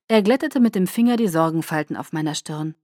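A woman reading a first-person novel aloud as an audiobook narrator, soft and intimate. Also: on the low side, expressive, brisk, no room sound. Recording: dry close studio sound.

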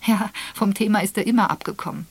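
A woman's voice: medium pitch, fast talker, gravelly, slightly rough, no echo, voice pushed up. A woman voicing a young secretary who speaks in a raised, hesitant, apologetic way.

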